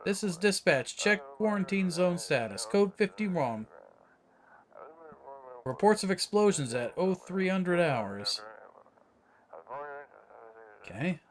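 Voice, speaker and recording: A man's voice: high-pitched, very animated, takes it slowly, long pauses, pitched above the performer's own voice, heavily acted. A man voicing a male police dispatcher in a horror game, calling out codes in clipped phrases.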